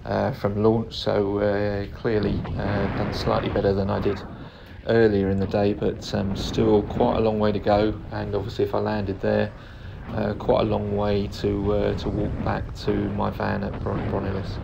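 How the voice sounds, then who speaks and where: Calm, flat-toned man, gravelly low voice. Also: highs cut off. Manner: calm, understated, hesitant delivery with frequent pauses. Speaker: paraglider pilot narrating own flight video. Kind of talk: casual flight vlog commentary. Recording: clear steady background noise, vehicle-like ambience.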